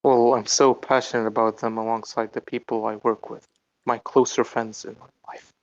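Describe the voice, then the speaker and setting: A man's voice: medium pitch, little pitch movement, normal speed, dry recording, highs cut off. A man talking through a voice changer, giving curt, unbothered answers as the interviewee. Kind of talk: casual online interview.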